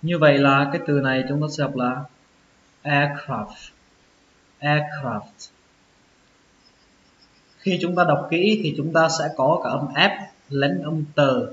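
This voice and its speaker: A man giving a pronunciation lesson, sounding out each word slowly and repeating it several times. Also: fairly high pitch, a bit bright. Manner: slow, drawn-out repetition of words. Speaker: English teacher. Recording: echoey, dull lo-fi with faint hiss.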